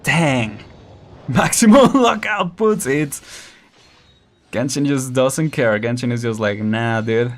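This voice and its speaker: In a mid-range, expressive voice, the young man talks slowly through his gameplay stream. It's casual live commentary, full of chat and frequent laughter, with countdowns as he plays.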